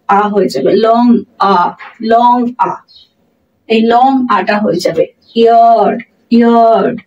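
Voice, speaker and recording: Teacher lady, kinda high voice, says each word again and again, a bit far from the mic. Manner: repeats example words slowly and deliberately. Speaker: English pronunciation teacher. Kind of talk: explaining pronunciation in a lesson.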